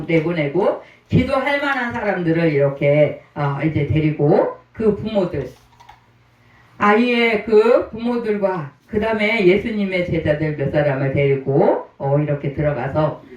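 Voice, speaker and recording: A man's voice: high-pitched, darkish tone. A male pastor preaching a sermon, telling the story and firing rhetorical questions at the congregation. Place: church sanctuary. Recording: roomy church, mic at a distance.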